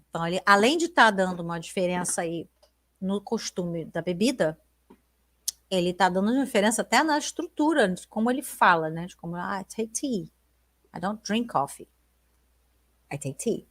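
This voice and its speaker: A Brazilian woman with a Brazilian accent, teaching an exam-prep lesson in a chatty, enthusiastic way and slowing down to read English lines. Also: medium pitch, fairly bright tone. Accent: Brazilian Portuguese.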